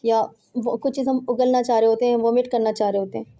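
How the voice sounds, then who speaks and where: A woman's voice: fairly high pitch, steady tone, dark tone. A woman giving an informal home lesson, patiently demonstrating throat sounds step by step. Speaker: Quran pronunciation teacher. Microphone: home recording, phone.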